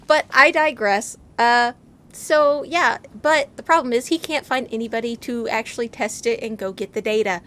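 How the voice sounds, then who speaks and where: A woman hosting a gaming channel with bubbly, goofy, fast casual commentary, speaking from her home in a rural area. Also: a little high, fairly bright tone.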